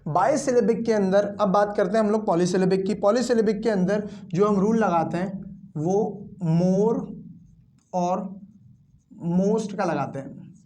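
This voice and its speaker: Slow, deliberate male grammar teacher. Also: high voice, warm tone. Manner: slow, deliberate, repeats and spells out example words. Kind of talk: classroom lesson explaining grammar rules.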